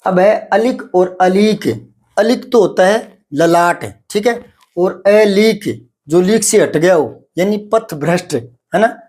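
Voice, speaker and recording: Expressive and high, with a darkish tone, this male teacher's voice carries a spoken grammar lesson on Hindi vocabulary. He works patiently through paired words, stretching out the contrasts and frequently asking "ठीक है" to check on his students.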